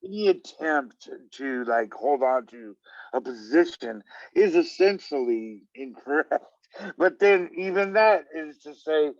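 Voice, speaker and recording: A man's voice: fairly high pitch, animated, slow, no echo. Musing man, distant and muffled. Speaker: host. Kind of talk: casual conversation. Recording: distant, dry, dull lo-fi audio.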